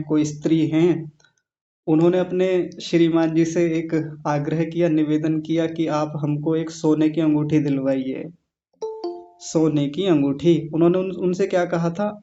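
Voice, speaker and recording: A male teacher giving an online class lecture on yoga philosophy, patiently explaining Sanskrit terms and slowing down to spell them out. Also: a little high, mellow. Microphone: video call. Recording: dull lo-fi video call audio.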